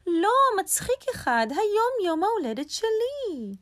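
A woman voicing a fretful, easily confused little male rabbit in a high, squeaky voice that sounds a little cross and a little sad. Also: sing-song, fairly bright tone, exaggerated voice.

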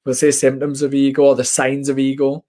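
A man's voice: medium pitch, completely flat delivery, fairly quick, mellow. A young British man chatting casually in a blokey, emphatic, sweary way. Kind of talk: casual chat.

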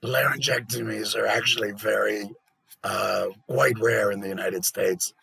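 A man speaks with a very rough, gurgling laryngectomy voice, low and gravelly. He explains things informally as a patient educator, in a halting way, stopping to swallow and clear mucus. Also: fairly even intonation, sharp tone, no room sound. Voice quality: gurgling, gargly laryngectomy voice made through esophagus with a valve.

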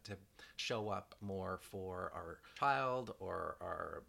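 A man's voice: sits low, drawn-out words, vocal fry, bright, forceful tone. A man speaking as a therapist guest in a casual conversation, reflective and often checking in with the listener.

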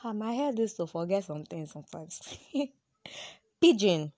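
A woman's voice: medium pitch, animated, unhurried, darkish tone, dry recording. Nigerian woman with Yoruba accent, dry close sound. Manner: playful, informal, slips into Nigerian Pidgin expressions. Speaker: podcast host. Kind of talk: casual chatty solo podcast.

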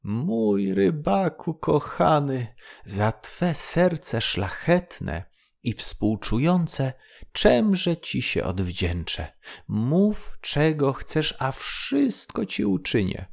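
A man voicing a tiny magic golden fish who calls herself queen of the seas, in a thin, pleading, high voice. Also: very animated, extremely slow, gravelly, a little mellow, full character voice. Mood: gracious.

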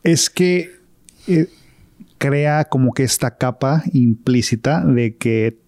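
A man, a guest on a film chat, explaining things thoughtfully with many halting restarts. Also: medium pitch, darkish tone, no room sound, studio quality. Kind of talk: casual film discussion.

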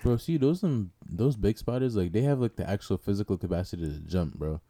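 A man's voice: on the low side, animated, brisk, mellow. A young man in casual podcast banter, talking in a slangy frat-bro way as a co-host. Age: young adult.

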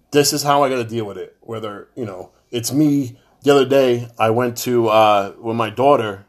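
A man's voice: mid-range voice, moderate pace. A middle-aged man, talking straight to his fans in a personal monologue, blunt and heavy-hearted, swearing freely. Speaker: show host talking to fans.

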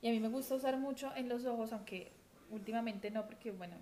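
Chatty Colombian woman, slightly high voice. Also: fast, dark tone. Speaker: podcast co-host. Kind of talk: casual chat.

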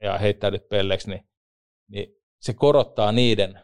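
A man, an ice hockey referee and former league player, telling lively joking anecdotes in a casual interview. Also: fairly low pitch, clean tone.

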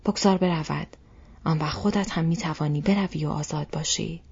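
A woman voicing an old male wizard, stern and patient, who speaks in a low, measured, half-whispered way. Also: fairly even intonation, vocal fry, a little mellow, slightly rough, full character voice. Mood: stern, grave. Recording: dull lo-fi recording.

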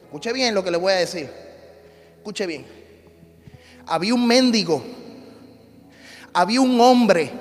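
A man preaching an impassioned sermon, swinging from loud repeated shouts to low storytelling. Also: long reverb tail. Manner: shifts from shouting to hushed storytelling, repetitive cadence. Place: church sanctuary.

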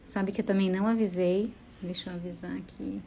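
A woman's voice: mid-range voice, steady tone, brisk, vocal fry, dark tone, slight background noise. A woman with a Brazilian accent hosting a casual live stream, chatty and effusive as she greets viewers by name. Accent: Brazilian Portuguese.

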